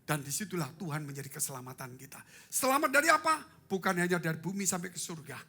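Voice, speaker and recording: A male pastor preaching a live church sermon, swinging from loud cries to hushed asides and putting questions to the congregation. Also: sits high, very animated, quick pace, creaky. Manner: humorous, asks the congregation questions. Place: church sanctuary.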